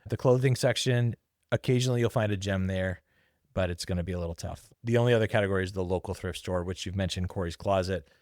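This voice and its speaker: A man co-hosting a relaxed conversational show with a wry, joking way of talking. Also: sits low, fast, no room sound, clean studio sound. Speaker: podcast co-host.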